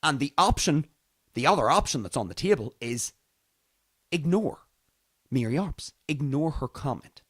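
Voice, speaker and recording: Animated, high-pitched Northern Irish man. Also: normal speed, pauses often, husky, dry recording, clean studio sound. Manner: theatrical, emphatic repetition for effect. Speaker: livestream talk show host. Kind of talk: casual monologue to live stream audience.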